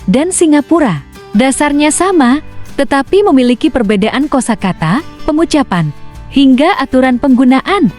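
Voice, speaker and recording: A woman host reading a scripted news commentary in a smooth, even manner. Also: on the high side.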